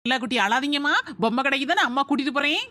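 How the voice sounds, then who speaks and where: A woman's voice: high-pitched, very fast, heavy background noise, natural voice. A woman playing a busy mother in a family comedy skit, coaxing her children.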